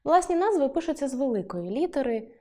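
Woman, online teacher, higher-pitched, clear and lively, studio-recorded lesson. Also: fast talker. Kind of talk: online lesson, scripted explanation. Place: film studio.

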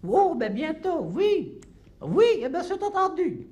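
A man's voice: sing-song, slow, darkish tone, highs cut off, exaggerated voice. An actor playing a cantankerous, chatty old countrywoman, rambling and scolding in a live comedy sketch. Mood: grumbling. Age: over 70. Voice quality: shrill, quavering, cackling. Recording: live stage with audience laughter and noise.

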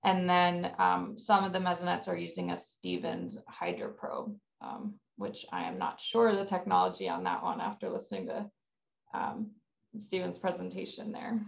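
A woman's voice: lowish voice, expressive, normal speed, vocal fry. A woman researcher giving a conference presentation over a video call, explaining step by step with frequent ums and self-corrections. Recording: dull lo-fi webinar audio.

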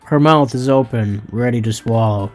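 A man's voice: mid-range voice, moderate pace, a little mellow, faint music behind. A man hosting a let's play, reading a visual novel aloud with jokes, swearing and tripping over his words.

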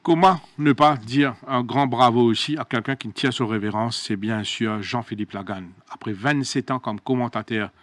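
A man's voice: mid-range voice, moderate pace, hardly any pauses, a bit bright, dry recording. A man hosting a horse racing talk show, searching for words with many restarts.

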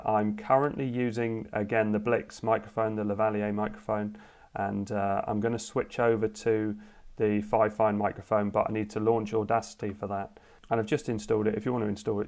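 Guy testing a usb mic at his desk, lowish voice, lots of uhs and restarts. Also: gravelly, a little mellow. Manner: rambling, self-correcting, many uhs. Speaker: tech video host. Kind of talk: casual gear review. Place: home desk. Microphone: USB podcast microphone.

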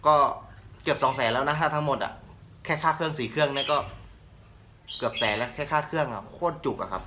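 A young man from Thailand with a slight northern Thai accent, a channel host casually answering viewers' questions in a relaxed, joking way. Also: mid-range voice, fast talker, a little hiss or hum. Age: young adult. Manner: relaxed, joking, laid-back. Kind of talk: casual Q&A chat.

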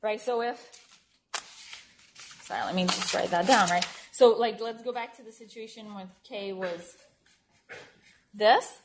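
A woman's voice: mid-range voice, a little slow, long pauses, slight background noise. Woman lecturing, casual and self-correcting. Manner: informal, checks in with "right?", self-correcting. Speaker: mathematics lecturer. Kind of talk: university lecture at a board. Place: lecture room.

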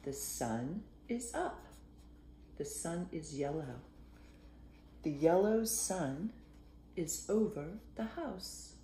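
An older woman, a grandmother, reading a picture book aloud to a child with playful, softly whispered asides. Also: on the low side, animated, very slow, pauses often, a little hiss or hum. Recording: roomy echo.

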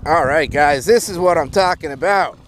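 Excitable fishing vlogger outdoors by water. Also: male voice, fairly high pitch, moderate pace, a little hiss or hum. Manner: excitable, exclaiming at catches. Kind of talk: casual fishing commentary. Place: outdoors on a canal bank. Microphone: wearable action camera.

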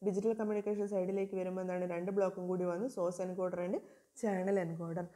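A woman's voice: fairly low pitch, level tone, warm tone. A woman gives a video lecture, asking her class questions and answering them herself. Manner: reads English definitions slowly. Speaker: teacher.

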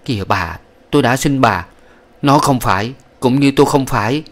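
A meek, spineless young husband pleads and begs, his voice lifted a little and urgent, as a male reader plays him. Soft-willed and anxious throughout. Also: mid-range voice, normal speed, pitched above the performer's own voice, lightly acted. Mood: pleading. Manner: pleading, begging. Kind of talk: audiobook character voice.

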